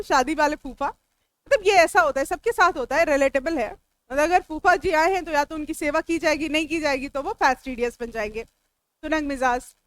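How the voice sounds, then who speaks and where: A woman's voice: high-pitched, fairly bright tone, no echo. A woman teacher with an Indian English accent, giving a classroom lecture that breaks each word into its parts and answers students as she goes. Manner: explains word meanings step by step, talks back to students.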